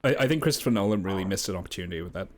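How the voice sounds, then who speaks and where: A man's voice: sits low, lively intonation, very fast. A man riffing jokingly on an old movie in casual chat, laughing often. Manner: jokey, laughs often, puts on old-timey voices.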